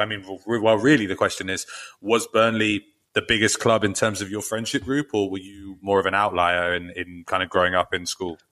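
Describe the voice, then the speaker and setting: A man hosts a podcast, his voice on the low side but bright and forceful. He sounds upbeat and welcoming and moves into easy conversation with his guest. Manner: upbeat, scripted intro then conversational. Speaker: podcast host. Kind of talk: podcast hosting and interviewing.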